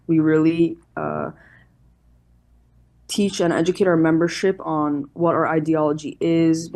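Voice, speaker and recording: A woman with a deep and slightly mellow voice is interviewed as chairperson of a youth organization. She represents the group with earnest, formal explanations.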